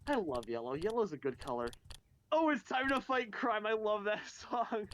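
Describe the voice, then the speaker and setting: A man's voice: high-pitched, very animated, moderate pace, a bit bright. A man chatting playfully and upbeat while playing a video game with friends. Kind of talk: casual let's-play chat.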